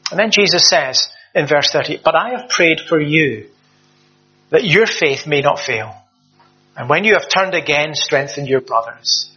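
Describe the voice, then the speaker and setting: A man's voice: a little high, bright, forceful tone, muffled recording. A man preaching a sermon in a conversational way, with hesitant fillers and emphatic rising stresses.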